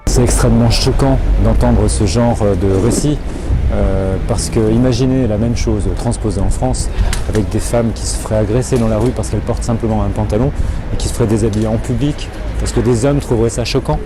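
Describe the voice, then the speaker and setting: A man's voice: lowish voice, a little fast, poor audio. A man giving earnest, persuasive commentary. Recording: music bed under voice.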